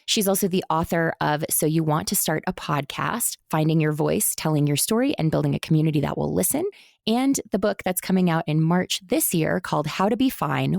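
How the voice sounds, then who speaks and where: A woman's voice: low voice, gravelly, a little mellow, no room sound, clean studio sound. A woman hosting a podcast, chatting casually and laughing often. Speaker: podcast host.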